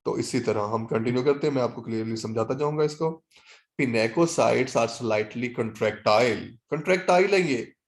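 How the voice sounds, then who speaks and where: A man teaching zoology in a classroom lecture with a Pakistani accent. He reads English textbook lines slowly, explains them in quick Hindi-Urdu, and asks and answers his own questions. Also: medium pitch.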